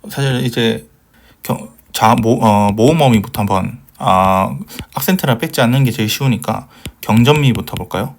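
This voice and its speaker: A man's voice: mid-range voice, normal speed, vocal fry, slight background noise. A man giving a recorded Hebrew grammar lecture, patiently asking questions and answering them himself, with many fillers.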